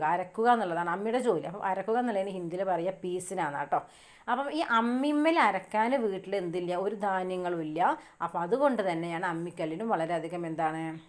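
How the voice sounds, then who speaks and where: A woman teacher explains a poem to her students one line at a time. She keeps asking the class questions and then answers them herself. Her voice sits at an ordinary middle pitch. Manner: reads verse lines slowly.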